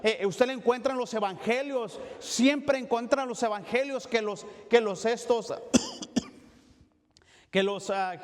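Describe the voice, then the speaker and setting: High-voiced pastor preaching in a reverberant church. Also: male voice. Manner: halting, with frequent fillers and restarts, asking "¿verdad?". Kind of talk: Bible study sermon. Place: church sanctuary.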